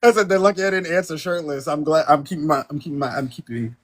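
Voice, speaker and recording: A young man in his twenties, with a slightly high-pitched voice, is a guest on a dating show. He joins through a video call and chats in an easygoing, playful way. He laughs easily. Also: fast. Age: 20s. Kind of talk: casual interview chat.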